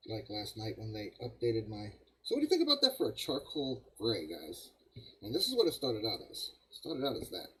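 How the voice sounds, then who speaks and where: A man's voice: lowish voice, wildly swooping pitch, brisk, pushed and bright, slight background noise, low-quality recording. Older man chatting casually on a live stream. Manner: rambling, self-deprecating, chuckles often, talks to viewers as guys. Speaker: host of a live model-building show. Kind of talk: casual live-stream chat while painting a model.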